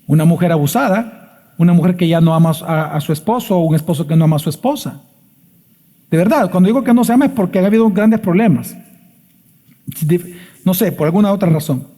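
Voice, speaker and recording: Man, pastor, emphatic sermon, mellow tone, long church reverb. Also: sits high, animated, brisk. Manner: emphatic preaching with rhetorical questions.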